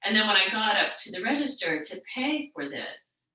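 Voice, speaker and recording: A middle-aged woman teaching a yoga class, telling a story in a rambling, chatty way and then guiding the class gently into a seated relaxation. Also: medium pitch, expressive, moderate pace. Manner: rambling, chatty storytelling with many restarts and fillers. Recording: very echoey room, far from the mic.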